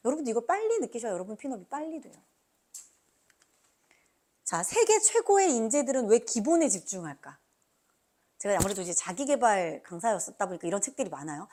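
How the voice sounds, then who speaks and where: Female seminar trainer: urging motivational delivery, highly animated swings in pitch, punchy questions to the audience. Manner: emphatic, urging, asks the listeners frequent rhetorical questions; acts out quoted remarks. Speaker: motivational speaker training business team members. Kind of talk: motivational business seminar talk.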